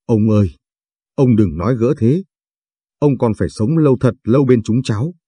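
A man's voice: medium pitch, animated, normal speed, warm tone, slightly rough, dry recording. A man voicing a young granddaughter in a storybook reading, pleading and affectionate. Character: young woman granddaughter, tearful and loving.

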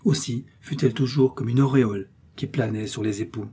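A sorrowful young man speaks gravely and with measure, his dark, slightly husky voice steady and low-key, voiced by a male narrator. He sounds like a character in a classic novel read aloud. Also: fairly quick, close to an everyday voice. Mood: earnest. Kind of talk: audiobook character reading.

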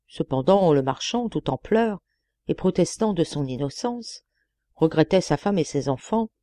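A woman narrating a classic tale in a measured, expressive audiobook reading on a close mic. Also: lowish voice, no echo.

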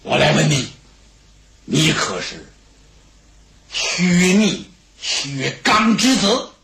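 Angry old marshal yelling, a man doing the voice, big swings in pitch, echoey studio. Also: very animated, extremely slow, vocal fry, heavily acted. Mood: stern. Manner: bellowing, indignant. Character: blustering angry older male enemy marshal.

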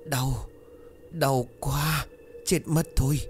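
A man voicing a young second wife in childbirth, gasping and pleading in a breathless, high voice. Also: steady tone, normal speed, darkish tone, a little hiss or hum, natural voice. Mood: anguished.

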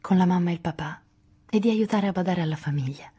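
A woman voicing a shy, gentle girl content to stay at home, in a storybook reading. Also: on the low side, quick pace, slightly rough. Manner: soft, content.

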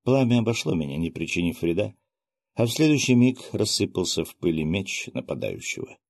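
Low-voiced male audiobook narrator. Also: big pitch swings, fairly quick, creaky, darkish tone, dry recording. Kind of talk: scripted fantasy audiobook narration.

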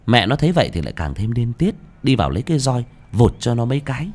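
A man giving dramatic, expressive scripted narration of a horror story. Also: medium pitch, fast talker. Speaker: audiobook narrator.

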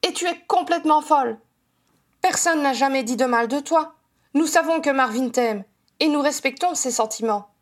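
A woman reader voicing an ashamed, quick-tempered young man who flares up in indignation. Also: natural voice. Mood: indignant. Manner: indignant, high-strung.

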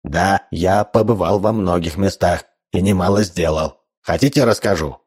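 Casting: eager, talkative robot storyteller, slow and earnest, read by a man. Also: low-pitched, a little mellow, slightly rough.

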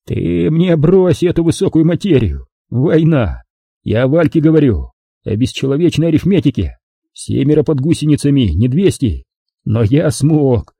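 A drunk, anguished army officer, voiced by a man shouts in bitter, raw bursts. The voice sits high above his usual register and has a husky edge. It is recorded close, with a dry sound. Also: big pitch swings, moderate pace, dry recording, exaggerated voice. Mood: anguished, drunken.

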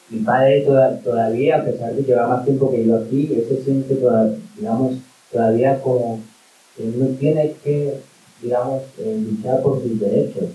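A Colombian man, a migrant activist on a panel, argues passionately at a public talk, peppering his speech with fillers like "o sea" and "en plan." His mid-range voice has a warm tone. He was recorded from a distance in a roomy hall, with a faint hiss in the background.

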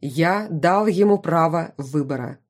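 Stern duke read by a woman, commanding, middle-aged father, audiobook, mellow tone. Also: low voice, expressive, a little slow. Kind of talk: audiobook character reading.

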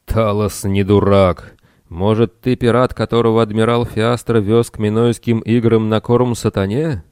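A man reading a storybook aloud and voicing a booming, metallic bronze giant who speaks slowly, loudly and with menace. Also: level tone, clear, resonant tone, no room sound, studio quality, natural voice. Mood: threatening. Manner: slow, loud, threatening delivery. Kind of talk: audiobook narration with character voices.

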